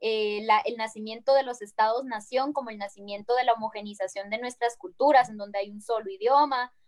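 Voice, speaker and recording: A woman from Guatemala with a Guatemalan accent and a somewhat high voice. She speaks earnestly and thoughtfully as an interview guest. She keeps checking in with her listener as she talks. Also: fairly even intonation, fairly quick, a little mellow. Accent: Guatemalan Spanish. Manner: reflective, earnest, tags phrases with "¿no?". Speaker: guest activist. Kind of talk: conversational interview.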